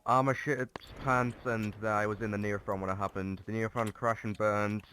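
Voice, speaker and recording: A man's voice: fairly low pitch, little pitch movement, moderate pace, pushed and bright, slight background noise. A man talking plainly over a game radio channel, sounding distant as he reports to his commander. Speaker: player in a team shooter game. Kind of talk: casual radio chatter in a game.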